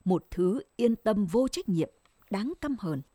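A woman narrating a scripted first-person story in a measured, sorrowful way. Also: mid-range voice, expressive, warm tone, no room sound, clean studio sound.

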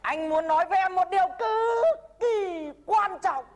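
A woman's voice: high-pitched, animated, a little fast, slight background noise. A woman playing a bossy know-it-all older mentor. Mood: lecturing. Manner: lecturing, bossy, blustering. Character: cocky older-brother mentor, bossy and boastful. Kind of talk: comedy sketch acting.

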